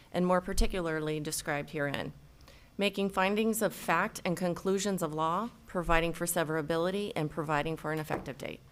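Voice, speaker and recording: A woman working as city clerk, formally reading agenda items and legal text at a meeting. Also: fairly low pitch. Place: council meeting room.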